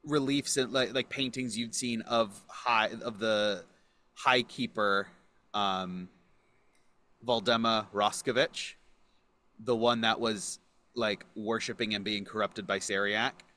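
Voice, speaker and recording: Unhurried male game master. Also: fairly low pitch, steady tone, sharp tone. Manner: unhurried, many fillers and restarts. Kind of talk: narrating a tabletop game.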